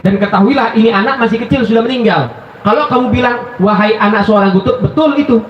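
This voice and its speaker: A man preaching a sermon, telling stories in an animated way and addressing his listeners as brothers at a religious gathering. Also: extremely high pitch, quick pace. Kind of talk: sermon storytelling. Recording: echoey, dull live recording.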